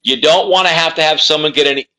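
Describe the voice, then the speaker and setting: Speaking fast in a slightly high, sharp-toned voice, a man acting as a career coach gives instructional advice straight to camera. He's emphatic and repeats key words to stress them.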